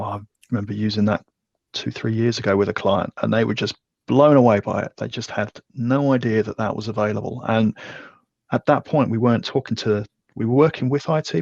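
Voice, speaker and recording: A man with a lowish, gravelly voice appears as a podcast guest and technical architect, explaining technical subjects conversationally and discursively. The audio is dull, with no echo.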